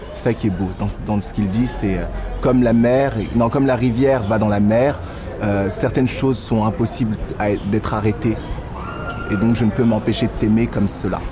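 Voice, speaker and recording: A man's voice: on the low side, fairly even intonation, moderate pace, a crowd in the background. A young man, an actor speaking casually and reflectively in an interview outdoors, searching a little for his words. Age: young adult. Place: outdoors in a garden.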